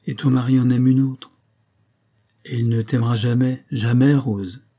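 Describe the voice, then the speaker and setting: A man's voice: mid-range voice, fairly even intonation, normal speed, dark tone, close to an everyday voice. A man reading an audiobook voices a dying old female servant who solemnly reproaches the young woman she raised. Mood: stern.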